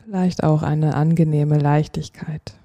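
A sleep-story narrator with a very dark, soft-edged voice leads a guided relaxation. The delivery is slow and soothing, with long pauses between short phrases. The pitch stays even and settles into a gentle creak. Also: no room sound.

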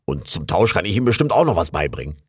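A boastful male raccoon chatters away in a storybook reading, as a man puts him on. The voice sits low but swings widely in pitch, recorded dry and close. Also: sing-song, fast, breathy edge, dry recording, heavily acted. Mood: chatty. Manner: bragging, rambling, self-important. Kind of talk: audiobook character voice.

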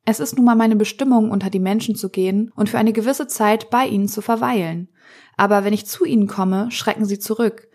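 A woman's voice: medium pitch, darkish tone, natural voice. A woman voicing a weary grey spirit of sadness. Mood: lamenting. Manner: hesitant, halting, breaking voice. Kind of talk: storybook reading.

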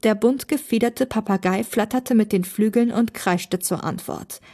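A young woman reading her own short story aloud with lively, expressive narration. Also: mid-range voice, moderate pace. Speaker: narrator, author and reader.

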